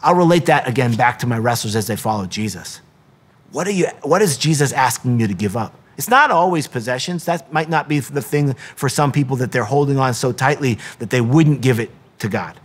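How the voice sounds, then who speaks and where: A man's voice: medium pitch, lively intonation, fairly quick, husky. A middle-aged man, a wrestling coach, giving an earnest devotional talk with many ums and restarts, sometimes acting out the voices he quotes.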